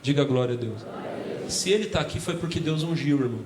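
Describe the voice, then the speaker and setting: A Brazilian Portuguese-accented man preaches to his congregation, speaking in a fairly high voice and calling them brothers as he tells a story. He acts out the voices of the story's people. The sound is roomy, with the echo of a church hall and a faint hum of ambience behind him. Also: lively intonation, brisk. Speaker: pastor. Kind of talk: sermon.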